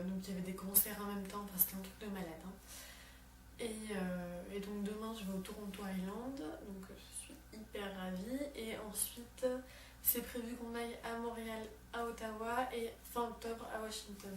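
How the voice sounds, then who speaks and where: A woman's voice: mid-range voice, a little hiss or hum. A young woman in her late teens vlogging casually about her exchange year, chatty with lots of fillers and restarts. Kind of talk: casual chat to camera. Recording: roomy, distant mic, background music.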